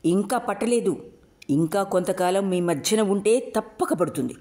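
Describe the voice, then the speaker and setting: Woman doing a fierce teen girl yelling back at her folks, loud and sharp. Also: mid-range voice, animated, moderate pace, voice pushed up, lightly acted. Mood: defiant. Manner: shouting back in anger. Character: defiant rebellious teenage girl Shabari.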